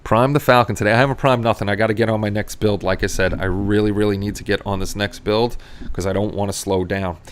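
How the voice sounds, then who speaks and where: A man's voice: on the low side, steady tone, quick pace, a little hiss or hum. A middle-aged man with a Queens New York accent chats casually as a livestream host, rambling along and repeating his phrases. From Queens, New York City, USA. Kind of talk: casual chat, reading and answering live chat.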